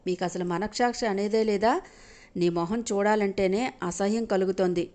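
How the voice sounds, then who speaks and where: A woman's voice: medium pitch, moderate pace, close to an everyday voice. A woman storyteller voicing a furious young husband who hurls harsh, contemptuous accusations. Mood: bitter. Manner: shouting angry accusations.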